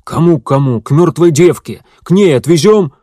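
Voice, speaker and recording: A man voicing an angry, crude male accomplice who curses and shouts accusations. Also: mid-range voice, moderate pace, no echo, studio quality, natural voice. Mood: furious. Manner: loud, cursing, accusing.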